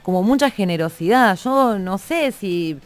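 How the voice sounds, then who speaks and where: A woman with a Rioplatense accent hosts a radio talk show. She interviews her guest in a chatty, thoughtful tone, and her pitch sits in a middle range. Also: lively intonation, measured pace, faint music behind. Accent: Rioplatense Spanish. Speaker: radio host.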